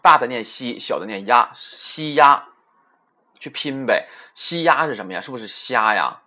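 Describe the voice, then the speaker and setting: A man's voice: medium pitch, lively intonation, fairly quick, pushed and bright. A man teaching a beginner class, patiently explaining step by step and repeating rhetorical questions. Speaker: Japanese teacher. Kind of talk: classroom lecture.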